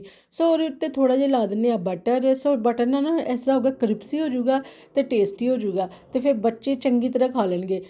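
A Punjabi-accented woman with a high-pitched voice talks casually to her vlog viewers. She is chirpy and prone to exclamations, and she slips English phrases in as she goes. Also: dark tone. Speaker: daily vlogger. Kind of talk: casual home vlog chat.

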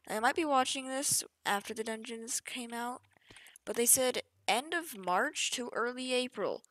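In a clean recording with no echo, a young woman with a slightly high, slightly bright voice goes through a game update over screen capture. She moves at a moderate pace, offhand and talkative, often leaving sentences hanging. She's a gaming YouTuber giving a casual gameplay walkthrough.

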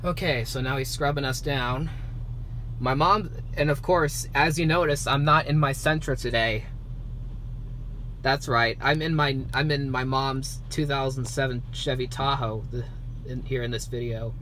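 A man's voice: medium pitch, steady tone, measured pace, rough recording. A young man gives chatty, enthusiastic running commentary from inside a car in a car wash, filmed on a phone. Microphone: phone camera mounted on the dashboard. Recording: loud car and wash noise.

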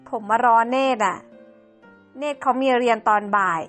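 A woman's voice: on the high side, normal speed, fairly bright tone, soft background music, natural voice. A woman voicing a young man, a devoted boyfriend who speaks soothingly. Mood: casual. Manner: soothing, reassuring.

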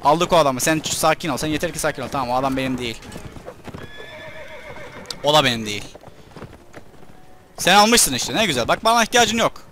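A young man giving live commentary on his own gameplay, excitable, shouting at his troops and enemies and muttering when things go badly. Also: fairly high pitch, fairly quick, long pauses, slight background noise.

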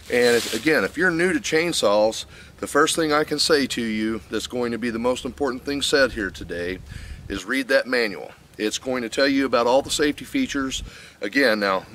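Out in a wooded lot, an older channel host casually demonstrates and explains a chainsaw he's reviewing, sounding folksy and plain and using fillers. The camera mic picks up his mid-range, fairly bright voice along with slight background noise.

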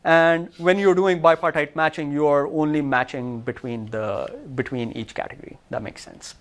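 Man with a high voice giving a technical lecture. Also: steady tone, normal speed, smooth. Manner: explanatory, walks listeners through results on slides. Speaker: research presenter.

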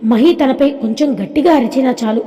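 Woman storyteller, high mellow voice, long hall reverb, scripted serial narration. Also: a little fast.

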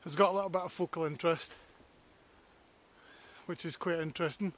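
A man's voice: a little high, steady tone, a little fast, fairly bright tone. A man with a Scottish accent, a landscape photographer vlogging outdoors on a hillside, enthusiastic and reflective as he talks to the camera. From Scotland. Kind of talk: outdoor walking vlog. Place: hillside outdoors in snowy weather.

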